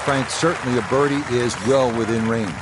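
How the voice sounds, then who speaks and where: A man giving golf commentary as the play-by-play announcer, calling shots in a measured, understated way. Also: mid-range voice, fairly even intonation, heavy background noise. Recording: background music and crowd sound.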